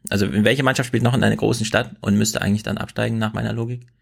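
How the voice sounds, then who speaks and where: A man's voice: on the low side, fairly even intonation, very fast, vocal fry, slightly rough. A man in his thirties co-hosting a podcast, talking in a chatty, rambling way that often corrects itself mid-sentence. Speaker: podcast co-host. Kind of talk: casual chat.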